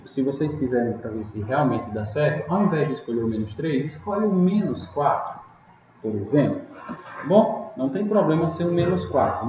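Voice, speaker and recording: A man's voice: mid-range voice, dark tone. A man teaching a math lesson step by step, patient and often checking in with his students. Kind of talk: recorded online math lesson. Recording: echoey, dull, lightly noisy room audio.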